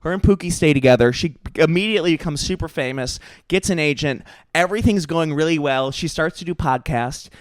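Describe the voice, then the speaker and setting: A man trading jokes on a casual podcast, his voice sitting a bit high for a man. He tells stories with gusto and slips into little impressions of the people in them. The sound is dry and close, with no room behind it. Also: a little fast, hardly any pauses, dry recording. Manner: animated storyteller, acts out quotes. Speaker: podcast co-host. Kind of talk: casual comedic chat.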